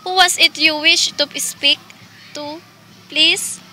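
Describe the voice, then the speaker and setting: A woman's voice: high-pitched, fairly even intonation, slow pace, sharp tone, a little hiss or hum, heavily acted. A woman playing a polite, formal hospital switchboard receptionist in a radio play. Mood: polite, businesslike. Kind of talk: dramatic radio play acting.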